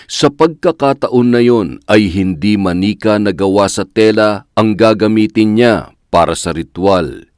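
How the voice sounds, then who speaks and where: Male narrator for a horror story, deepish, measured and dramatic, dry close mic. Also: a little mellow, smooth, dry recording.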